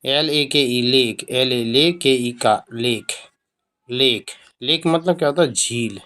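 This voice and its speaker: A man with a Hindi accent gives a phonics lesson at a very slow pace. He spells each word out letter by letter and repeats it patiently with its meaning. His voice sits at an ordinary middle pitch. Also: sharp tone. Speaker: English teacher.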